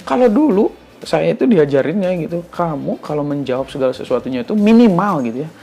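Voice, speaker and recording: A man's voice: a little high, big pitch swings, fast talker, creaky, mellow, husky. A young male teacher giving a casual spoken lesson on manners to his students, chatty and emphatic, often ending phrases with a questioning filler.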